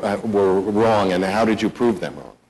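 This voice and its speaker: A man interviewing on stage, asking questions in a halting way with many restarts. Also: lowish voice, darkish tone, rough recording.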